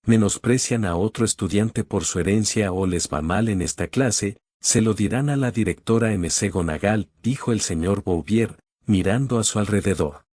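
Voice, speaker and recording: A man voicing a calm, firm American male teacher, speaking in a measured, unflustered way. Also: on the low side, dry recording, studio quality, natural voice. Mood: stern.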